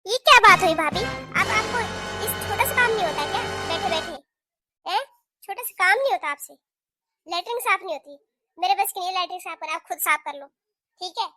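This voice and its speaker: A woman voicing a sharp-tongued young sister-in-law in a cartoon, who argues and complains indignantly. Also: very high-pitched, lively intonation, a little fast, pauses often, no echo, studio quality, soft background music, heavily acted. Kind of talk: cartoon voice acting.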